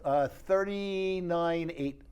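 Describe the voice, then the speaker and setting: In an audio-show exhibition suite, an audio dealer demonstrates products in an informal walkthrough. His slightly high voice is slow, a little mellow, and clean. He describes the gear loosely, fixing his own wording along the way.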